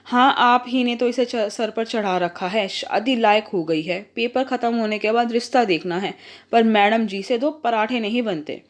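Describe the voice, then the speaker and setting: A woman's voice: fairly high pitch, moderate pace, natural voice. A woman voicing a strict but caring middle-aged mother who scolds her daughter firmly. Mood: scolding. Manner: firm, scolding.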